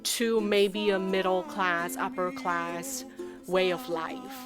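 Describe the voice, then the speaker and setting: A woman speaking in an interview, unhurried and reflective. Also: on the low side, level tone, music in the background.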